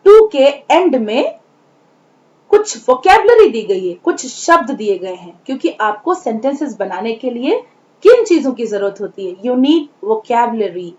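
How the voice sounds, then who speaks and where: High-voiced woman teacher, slow and patient. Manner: slow, patient reading of word pairs. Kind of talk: vocabulary lesson for schoolchildren. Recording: dull, lo-fi recording.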